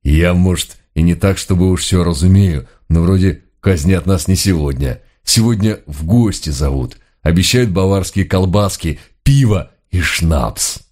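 A man's voice: low-pitched, unhurried, few pauses, darkish tone. A man voicing a simple-hearted young male deputy who talks in a plain, folksy, good-natured way. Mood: cheerful.

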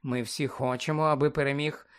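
A man reading aloud voicing an eager middle-aged male sports official who hesitates and fills pauses with ums. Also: medium pitch, level tone, clear, resonant tone, close to an everyday voice. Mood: wheedling. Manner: hesitant, wheedling, full of ums.

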